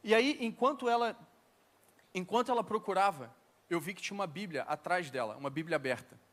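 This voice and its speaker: High-voiced man telling a sermon story. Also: a little fast, a bit bright. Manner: casual, self-mocking storytelling. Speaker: preacher.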